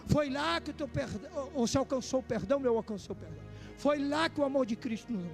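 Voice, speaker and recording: A man, preaching a sermon as pastor, with fervent delivery that climbs to shouting. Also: very high voice, lively intonation, fast talker, creaky, faint music behind.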